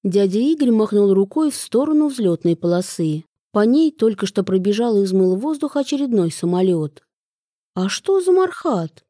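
Female audiobook narrator, playful and animated, close dry read. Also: medium pitch, normal speed, few pauses, no room sound. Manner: lively, playful storytelling.

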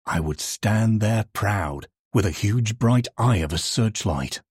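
A man voicing an old, lonely male street lantern in a storybook reading, complaining and daydreaming, with a husky voice. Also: fairly low pitch, expressive, slow, no room sound, clean studio sound, full character voice. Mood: dreaming.

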